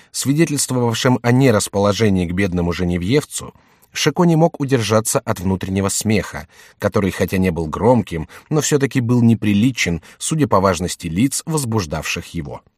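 A man's voice: fairly low pitch, no echo, clean studio sound. Man narrating a novel steadily. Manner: measured, even storytelling. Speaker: audiobook narrator. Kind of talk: scripted narration of a historical novel.

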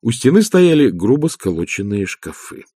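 Husky male audiobook narrator. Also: mid-range voice, sing-song, moderate pace, mellow, no room sound, clean studio sound. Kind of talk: scripted narration.

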